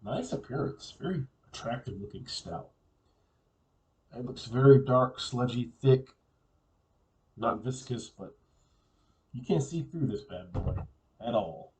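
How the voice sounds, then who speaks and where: Relaxed man musing off-mic. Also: medium pitch, takes it slowly, long pauses, distant mic, low-quality recording. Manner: relaxed, musing, repeats himself. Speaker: beer reviewer. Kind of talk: casual solo review.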